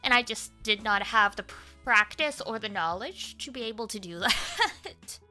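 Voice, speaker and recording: Speaking at a moderate pace with lively intonation and a slightly high pitch, a young woman streamer chats away casually. She wanders from thought to thought, leaning heavily on fillers, over soft cafe music.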